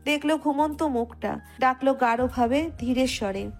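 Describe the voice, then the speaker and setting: A woman narrator reading a scripted romantic story in expressive literary prose. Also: high voice, normal speed, faint music behind.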